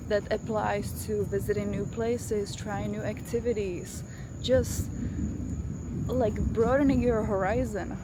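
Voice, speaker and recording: A woman in her thirties from the Czech Republic, speaking English with a Czech accent. She gives an emphatic motivational talk straight to the camera while walking her dog outside. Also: fairly high pitch. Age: 30s. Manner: emphatic, addresses the viewer directly. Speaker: vlogger. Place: outdoors in a neighborhood after rain, walking a dog. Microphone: self-filming camera with face tracking. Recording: outdoor noise of crickets and passing cars. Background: crickets, insects and traffic.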